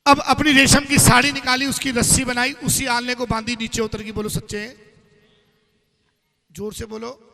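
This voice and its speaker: A man's voice: extremely high pitch, creaky, sharp tone, big-room sound. A man narrating a devotional story at a live gathering, urging the crowd to chant along.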